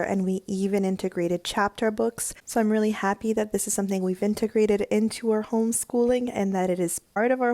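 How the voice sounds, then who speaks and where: A young woman from Canada talking to camera about homeschooling in a casual, thoughtful way, pausing often with ums. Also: medium pitch, mellow. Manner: thoughtful, many ums and pauses. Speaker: homeschooling mom vlogger. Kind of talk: casual reflective vlog talk.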